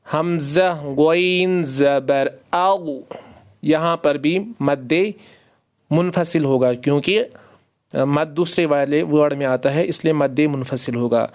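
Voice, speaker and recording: A man teaching Quran reading, spelling each word out slowly letter by letter and stopping to explain the rules, asking questions and answering them himself. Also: a little high, darkish tone. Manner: slow drawn-out spelling with quick explanations in between.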